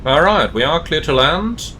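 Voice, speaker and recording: A man's voice: expressive, normal speed, pushed and bright. A man working as an airline pilot, giving casual commentary and radio calls from the cockpit. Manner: casual, conversational. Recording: faint cockpit rumble.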